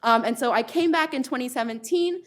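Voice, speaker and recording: An American woman law professor introduces herself at a panel event in a lecture hall. Her voice sits high and runs a little fast, and she speaks earnestly with frequent ums.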